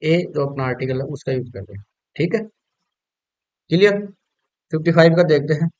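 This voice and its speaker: Man, teacher, fairly high voice, exam-prep grammar lesson, asks and answers his own questions, muffled dry sound. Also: darkish tone, no echo. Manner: explains step by step, asks students questions and answers them himself; reads quiz sentences slowly and drawn out.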